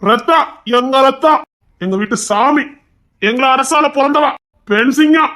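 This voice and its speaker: A woman's voice: high-pitched, measured pace, a bit bright. A woman acting a boastful, swaggering member of a rowdy family in a skit. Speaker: actor in a comedy skit.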